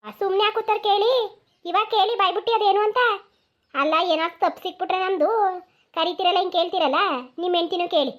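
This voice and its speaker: A defensive young cartoon village daughter-in-law, as a woman plays her, firing back retorts in a rural Mysore-region accent. The voice sits high and races along. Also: fast. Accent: rural Mysore-region Kannada.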